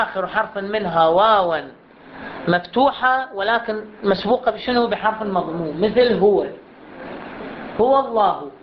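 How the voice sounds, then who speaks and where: A teacher giving a classroom lesson who asks the class questions and slowly stretches out example words to demonstrate them. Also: mid-range voice. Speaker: teacher of Quran recitation rules. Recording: dull lo-fi recording with clear background noise.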